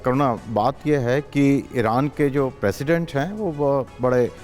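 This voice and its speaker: A man commenting as a guest analyst on a live news show, talking in a halting way with many hesitations and restarts. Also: medium pitch, darkish tone, faint music behind.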